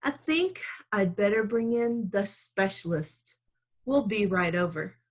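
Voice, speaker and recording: A woman's voice: medium pitch, expressive. A woman putting on a fussy, formal storybook doctor. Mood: hesitant. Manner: pompous, measured, mumbling. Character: fussy doctor, a grown man, formal and puzzled. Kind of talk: children's storybook read-aloud.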